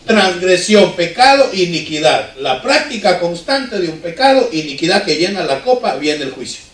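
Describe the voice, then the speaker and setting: A man's voice: high-pitched, big pitch swings, normal speed, fairly bright tone. A male pastor preaching a sermon conversationally, often asking the congregation rhetorical questions. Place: church hall. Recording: echoey church from far off.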